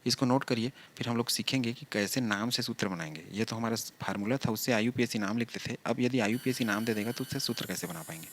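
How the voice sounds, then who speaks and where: A man's voice: medium pitch, quick pace, hardly any pauses, a little hiss or hum. A male chemistry teacher giving a lecture, talking through each step and asking the class rhetorical questions.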